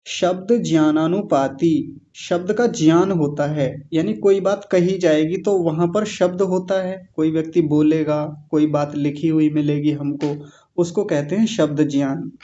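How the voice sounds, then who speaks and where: A male teacher giving an online class lecture on yoga philosophy, patiently explaining Sanskrit terms and slowing down to spell them out. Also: on the high side, fairly even intonation, mellow. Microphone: video call. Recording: dull lo-fi video call audio.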